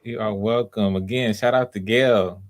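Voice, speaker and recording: A man with a fairly low, steady voice hosts live auditions at a normal speed. He is casual, encouraging and reassuring, supporting the performers.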